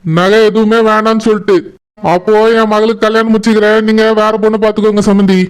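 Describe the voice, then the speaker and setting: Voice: mid-range voice, level tone, fast talker, smooth, close to an everyday voice. A performer voicing a worried father of the bride in a cartoon, earnest and apologetic, with a Kanyakumari Tamil accent. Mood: firm. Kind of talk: cartoon voice acting.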